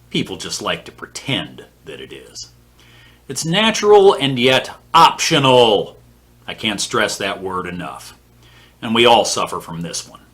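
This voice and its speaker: Male, 50s, low-ish voice, brash opinionated vlogger, plain-spoken with some cursing. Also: bright, forceful tone. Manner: blunt, scornful, profane. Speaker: author and vlog host. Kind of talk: opinionated writing advice vlog. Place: home office.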